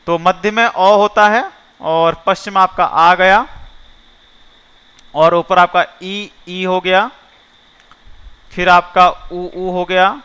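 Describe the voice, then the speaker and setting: A man's voice: high voice, sharp tone, clear, resonant tone. A male teacher going through a mock exam. He reads each question aloud, quizzes the listeners, and then gives the answer himself. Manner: repeats each question and asks listeners before giving the answer; slows down to spell out options, speeds up when asking. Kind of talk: mock test walkthrough lesson.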